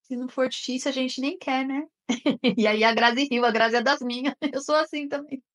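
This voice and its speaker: A woman's voice: sits high, steady tone, normal speed, fairly bright tone. A woman teaching an online class in a conversational way, often checking in with her listeners. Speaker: therapist teaching an online course. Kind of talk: live online class talk.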